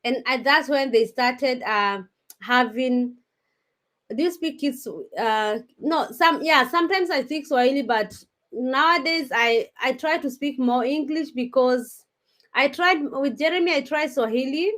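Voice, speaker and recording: Speaking unhurriedly in a high, slightly bright voice, this Kenyan woman in her thirties runs a relaxed live stream. She's chatty, talks directly to her audience, and keeps restarting what she says.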